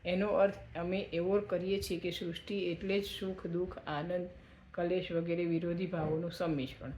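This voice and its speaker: A man voicing a calm, respectful young male sage who speaks politely and in a measured way. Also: high-pitched, slight background noise, natural voice. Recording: echoey room.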